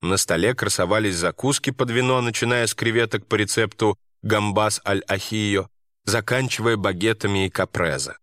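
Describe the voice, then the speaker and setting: A male narrator reads a story aloud, steady and measured. His voice sits on the low side, and the recording is dry and close. Nothing else can be heard around him. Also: no room sound. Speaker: audiobook narrator. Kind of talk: scripted narration.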